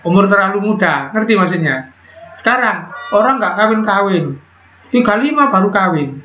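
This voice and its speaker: A man lectures a biology class, with a fairly high voice. He keeps it chatty, firing questions at the students and tossing in jokes. The sound is echoey and dull, as though recorded on a cheap device in a classroom. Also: expressive, normal speed, a little hiss or hum. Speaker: biology teacher.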